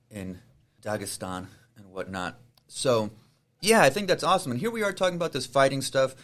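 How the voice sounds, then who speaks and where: A man hosting a podcast interview, asking relaxed, rambling questions full of fillers. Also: fairly low pitch. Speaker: podcast host. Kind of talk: casual interview.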